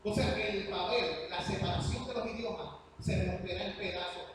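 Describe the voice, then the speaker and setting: A man preaching a sermon in church, earnest and emphatic, moving between soft passages and loud ones. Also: sits high, normal speed. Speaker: pastor. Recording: echoey church hall, distant mic, hum.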